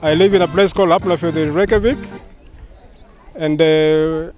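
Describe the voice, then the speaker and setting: A man from Kenya, a charity founder speaking in a measured way with fillers. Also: on the high side, fairly even intonation, darkish tone, faint music behind. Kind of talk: explanatory speech.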